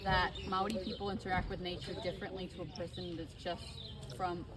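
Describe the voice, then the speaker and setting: A woman's voice: fairly low pitch, little pitch movement, fairly quick, heavy background noise. A young woman student interviewing someone in a friendly, informal way. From United States. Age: young adult. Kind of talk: casual street interview. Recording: far from the mic, crowd behind.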